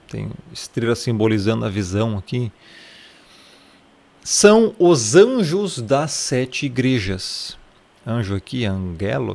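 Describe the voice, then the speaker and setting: A man's voice: medium pitch, creaky. A man with a Brazilian Portuguese accent giving a casual Bible study lesson. He talks in a chatty way, keeps checking in with the listener and points things out in the text as he goes. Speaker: Bible teacher.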